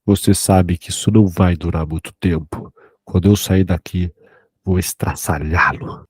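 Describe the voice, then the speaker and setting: A man's voice: low-pitched, fairly even intonation, normal speed, darkish tone, breathy edge, dry recording, studio quality. A man voicing a menacing male demon in a spoken horror story, threatening and cold.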